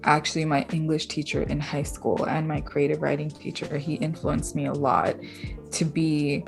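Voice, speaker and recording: A low-voiced young woman from Bangladesh talks thoughtfully about her art and writing in a relaxed interview. She speaks softly, with fillers and light laughs. Faint music plays in the background. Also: normal speed, vocal fry. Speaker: artist and writer, interview guest. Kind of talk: casual interview conversation.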